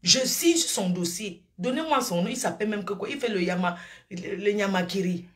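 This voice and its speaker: A woman's voice: medium pitch, brisk, fairly bright tone. A middle-aged woman and grandmother rambling on a live stream, showering her viewers with pet names and drifting between topics.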